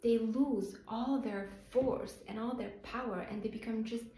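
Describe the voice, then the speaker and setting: A little high, steady and warm, a Moroccan-accented woman from Morocco speaks a little slowly in her role as a motivational coach. Her self-help message to channel viewers is earnest and emphatic, recorded in a roomy echo with faint music beneath.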